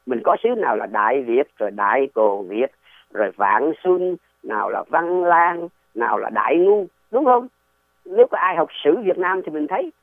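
Man, casual explanatory talk, rambling, lively swooping pitch, tinny phone line. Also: no room sound. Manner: rambling, digressive, rhetorical questions.

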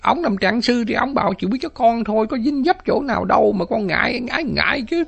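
A man's voice: very high voice, animated, fairly quick, creaky, fairly bright tone, breathy edge, voice pushed up, heavily acted. A man voicing a pious, fretful elderly mother who lectures and pleads, repeating her words. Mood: pleading.

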